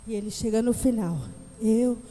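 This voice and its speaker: A woman's voice: sits high, moderate pace, a little mellow. A woman preacher delivering an emphatic, dramatic sermon to her congregation in a church hall. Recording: echoey church hall reverb.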